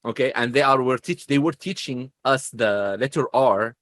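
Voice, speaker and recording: A man with a thick non-native English accent tells stories as a guest in a casual interview. He is animated, talkative and quick to poke fun at himself, at a mid pitch. The sound is dry and close, with no room echo. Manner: animated, chatty, self-deprecating.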